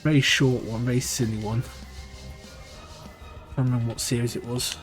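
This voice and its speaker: A man's voice: mid-range voice, steady tone, moderate pace, faint music behind. A man with a British accent that drifts between regions, chatting and thinking aloud while he streams a live speedrun. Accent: British, shifting between regions. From Britain. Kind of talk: live-stream gameplay commentary.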